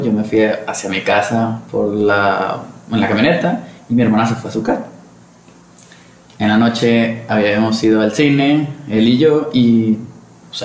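A man with a Mexican Spanish accent tells a personal story at an even, measured pace in casual podcast talk. The room around him echoes noticeably, and a faint hiss sits underneath. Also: medium pitch. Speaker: podcast co-host. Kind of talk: casual chat.

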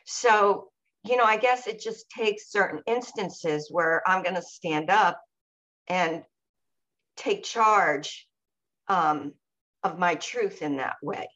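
A woman co-hosting a podcast, sharing her personal experience in a reflective, measured way and pausing to search for words. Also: on the low side, a bit bright, lo-fi sound. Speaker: podcast co-host.

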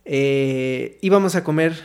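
A man's voice: mid-range voice, takes it slowly, a little mellow, clear, resonant tone. A young man with a Mexican accent tells a story in casual chat. He swears a lot, uses heavy slang and acts out what people said. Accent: Mexican Spanish.

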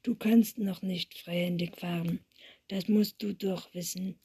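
A woman's voice: on the low side, fairly even intonation, measured pace, mellow, slightly rough, no room sound. A woman voicing a bossy older brother who lectures his little sister, in whispered role-play. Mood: lecturing.

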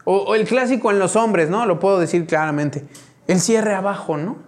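A man's voice: high voice, moderate pace, a little mellow. A male pastor with a Mexican accent delivers a conversational sermon. He talks like he's chatting with the pews and keeps checking in with his listeners.

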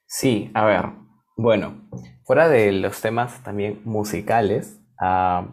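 Slow and on the low side, a Peruvian man's voice carries a casual talk show he co-hosts. He's talkative and enthusiastic, with lots of fillers and restarts.

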